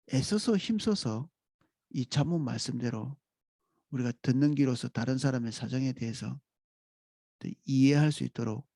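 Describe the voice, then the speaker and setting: A man preaching a dawn sermon as pastor, in a calm, reflective way with pauses. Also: mid-range voice, gravelly, slightly rough, no echo.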